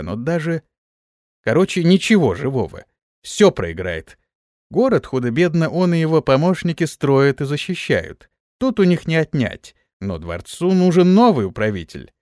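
A man narrating a fantasy audiobook in the first person, conversational and expressive. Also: a little high, normal speed, no room sound, clean studio sound.

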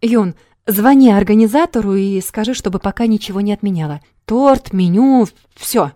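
A woman reading an audiobook, voicing a brash, scheming young man who talks loud and pushy. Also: mid-range voice, normal speed, no room sound, clean studio sound, close to an everyday voice.

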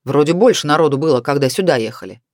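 A woman's voice: deep voice, animated, fast talker, darkish tone, no echo, studio quality. A woman voicing an impatient male bus driver who talks in curt, grumbling lines. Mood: gruff. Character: gruff middle-aged male bus driver.

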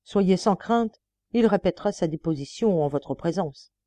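A woman's voice: lowish voice, lively intonation, normal speed, warm tone, dry recording, lightly acted. A woman reading the part of a stern, commanding male examining magistrate. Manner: curt, commanding.

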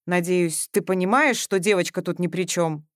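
Fatherly man, calm, firm, steady voice, dry close sound, as a woman reader plays him. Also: on the low side, moderate pace, no room sound, natural voice.

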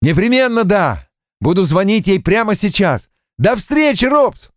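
A man's voice: high voice, big pitch swings, a little slow, no room sound, clean studio sound, pitched above the performer's own voice. Man doing an ecstatic young new father. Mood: overjoyed. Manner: shouting with delight. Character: overjoyed young new father, shouting excitedly.

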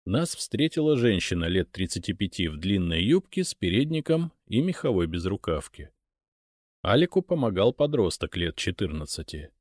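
Man reading an audiobook with lively intonation. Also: deep voice, no room sound, clean studio sound. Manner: measured storytelling that voices each character. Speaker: audiobook narrator. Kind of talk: first-person audiobook narration.

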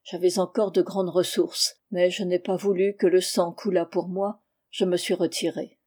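A man's voice: sits high, flat delivery, moderate pace, a little mellow, breathy edge. A woman reading as an old exiled king, cordial. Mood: rueful. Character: aging deposed old king, genial and regretful.

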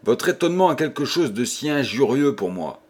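A man's voice: medium pitch, very animated, normal speed, slightly rough, voice pushed up. A man voicing an anxious husband who turns curt and brutal, in an audiobook reading. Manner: curt, irritated.

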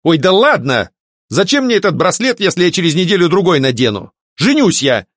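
A man reading an audiobook, voicing a pompous, panicky nobleman who yells in high yelps. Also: very animated, a little fast, no room sound, clean studio sound, exaggerated voice. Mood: boastful.

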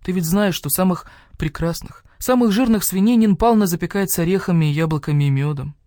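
A woman voicing a small, fit male mini-pig who speaks tenderly and gravely to his wife. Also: lowish voice, brisk, warm tone, no echo, studio quality, lightly acted. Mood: earnest.

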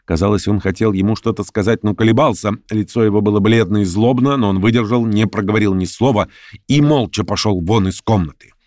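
A man narrating an audiobook in an expressive, measured manner. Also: fairly low pitch, no room sound, studio quality. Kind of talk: scripted narration.

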